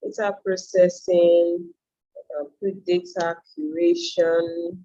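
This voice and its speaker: Here the online freelancing trainer, a Yoruba-speaking woman with a Nigerian accent, goes slowly through a relaxed step-by-step tutorial, explaining and musing aloud. Her fairly low, mellow voice is flat in delivery, captured on lo-fi audio.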